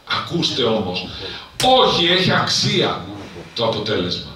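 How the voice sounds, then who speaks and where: Echoey priest speaking in a hall. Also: male voice, on the low side, big pitch swings, crowd noise. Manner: emotive storyteller, building to impassioned emphasis. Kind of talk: talk to a live audience, storytelling sermon. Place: cultural centre hall. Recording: very echoey hall from far off, faint noise.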